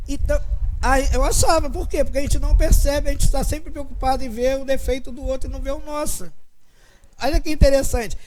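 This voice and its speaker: An older man leads a spiritist study group in an easy, story-filled talk. His voice sits very high, and he slips into acted-out dialogue as he goes. A faint hiss runs under the recording. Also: a little mellow, poor audio. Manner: chatty, anecdotal, acts out quoted dialogue.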